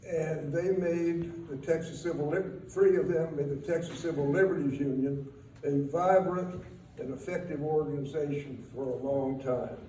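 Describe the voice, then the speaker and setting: Older man, faltering fond eulogy, mellow slightly high voice, pauses, wry reminiscing. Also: fairly even intonation. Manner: halting, faltering delivery with pauses. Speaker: eulogy speaker. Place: speaking at a memorial gathering in a room. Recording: roomy, distant mic, faint noise.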